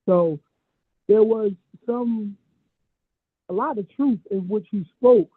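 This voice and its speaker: A man's voice: high-pitched, slow, husky, no echo. A man calling in over a muffled phone without headphones, talking hesitantly and searching for his words. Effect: muffled phone audio with little clarity. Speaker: caller. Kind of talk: call-in discussion.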